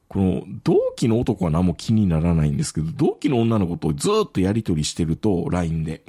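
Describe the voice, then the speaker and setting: A man, telling a story in casual chat as podcast co-host, laughing often. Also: slightly rough. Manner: animated storytelling, swoops up in pitch, laughs often.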